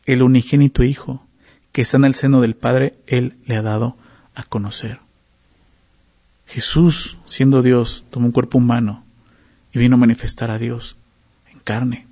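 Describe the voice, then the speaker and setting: A man's voice: mid-range voice, warm tone, husky. A man preaching a sermon in a conversational teaching manner, often adding tag questions and repeating words as he searches for phrasing. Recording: dull lo-fi sound.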